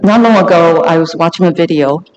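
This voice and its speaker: Man, live sermon interpreter, slightly high voice, halting with fillers and restarts, long hall reverb. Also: lo-fi sound. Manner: halting, with fillers and self-corrections while translating on the spot.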